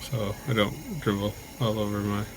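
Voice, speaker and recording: A man chatting casually to camera in a halting, low-key way, his mouth numb, dry and stiff after jaw surgery. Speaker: vlogger, patient recovering from jaw surgery. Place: hospital room. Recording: clear background noise throughout.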